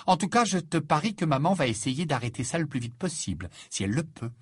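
A bold, outspoken teenage girl, as a man reads her aloud, blunt and scornful in a raised, lively voice. The voice has a husky, dry edge. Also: fairly high pitch, fast, no echo, pitched above the performer's own voice, exaggerated voice. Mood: insistent.

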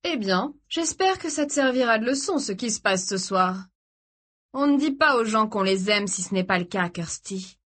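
A woman reading the part of a cruel young male captor who taunts his prisoners in a mock-gentle way. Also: on the high side, expressive, moderate pace.

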